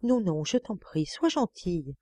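Sickly young man in love , woman reader, soft and breathless, mellow tone, no room sound. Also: fairly low pitch, sing-song, measured pace, no echo. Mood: coaxing.

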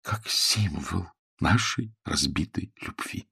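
Man reading as young woman, tearful, reproachful, soft and trembling, husky, raised pitch. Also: lively intonation, fairly quick. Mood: sorrowful.

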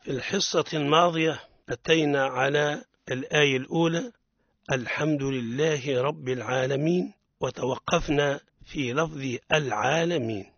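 A man's voice: fairly high pitch, moderate pace, fairly bright tone, no room sound. Man teaching Quran recitation on radio. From Tunisia. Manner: explains pronunciation errors, then models the correct form. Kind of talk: radio tajweed lesson. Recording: dull lo-fi radio sound.

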